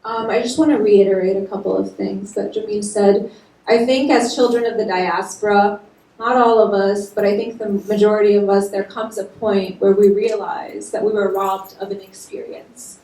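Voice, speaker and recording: A woman's voice: medium pitch, steady tone, normal speed, warm tone. A woman panelist from Jordan, speaking about her life with heartfelt feeling that grows impassioned. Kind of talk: panel discussion. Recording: echoey room, distant mic.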